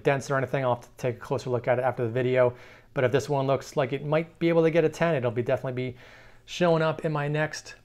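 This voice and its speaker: A man hosting a casual card-collecting vlog, chatting in a relaxed way with fillers and restarts while he shows cards indoors. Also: medium pitch. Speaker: card collector, channel host.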